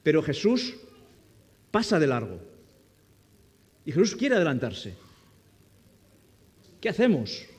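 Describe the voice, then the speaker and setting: A man's voice: a little high, huge pitch swings, takes it slowly, long pauses, husky, long reverb tail. A man preaching a sermon who asks his listeners questions and acts out what the people in the story say.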